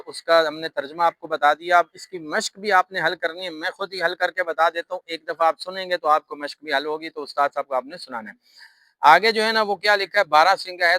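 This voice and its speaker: A man's voice: high-pitched, sharp tone, clean tone, no room sound, low-quality recording. A man with a Pakistani Urdu accent teaching an Arabic lesson, patiently repeating each grammar rule step by step. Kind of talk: classroom lesson explaining grammar.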